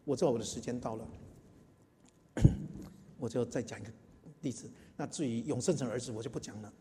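A man's voice: medium pitch, brisk, dark tone, a little hiss or hum. A man preaching a sermon and telling a story, emphatic, repeating phrases and putting questions to the congregation. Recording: long hall reverb.

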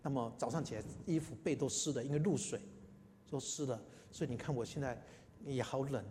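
A man voicing a poor orphaned beggar boy in a sermon story, soft and plaintive. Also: mid-range voice, brisk, noisy background, natural voice. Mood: sad. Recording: long hall reverb.

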